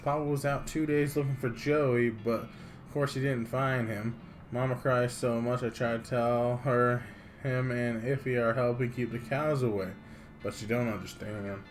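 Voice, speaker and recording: A man's voice: medium pitch, fairly even intonation, measured pace, a little hiss or hum, natural voice. Man reading as a naive frontier little girl. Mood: sad, reluctant. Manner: plain childlike phrasing, read aloud. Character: young frontier girl's diary, naive, folksy, fearful. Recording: music playing behind the voice.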